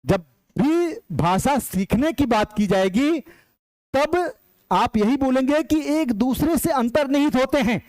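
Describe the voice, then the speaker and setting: A man's voice: very high voice, expressive, unhurried, a little mellow, no echo, poor audio. A man teaching an exam-prep lecture, emphatic and repetitive, calling his viewers brothers as he drills key points. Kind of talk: online lecture.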